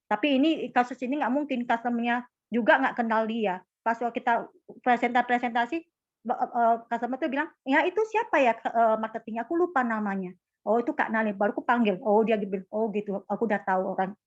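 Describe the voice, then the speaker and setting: Woman, casual church testimony, animated storyteller, higher voice, dull dry recording. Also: a little fast, no room sound. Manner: animated storytelling, acting out dialogue. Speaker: church member sharing a testimony.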